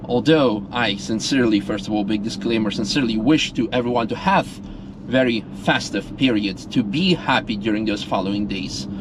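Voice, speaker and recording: A man's voice: medium pitch, noisy background. A man from Russia speaking earnestly in a casual, rambling monologue full of fillers and restarts. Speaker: vlogger.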